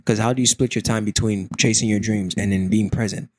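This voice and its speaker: A man's voice: lowish voice, brisk, dry recording. Laid-back man chatting on a podcast. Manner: animated storyteller, slips into playful impressions, laughs often. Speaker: podcast guest. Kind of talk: casual podcast chat.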